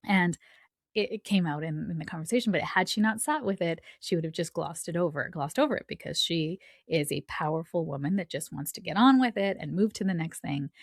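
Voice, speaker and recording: Gravelly low-voiced woman astrologer. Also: dry recording, studio quality. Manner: chatty, reflective, with asides and laughs. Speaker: astrologer giving a weekly forecast. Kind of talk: casual spoken forecast.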